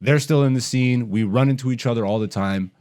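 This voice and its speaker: Brisk and darkish in tone, this medium-pitched man is a stand-up comedian from Canada, where he was raised, and he hosts a podcast. He goes on a casual, blunt rant packed with slang and swearing.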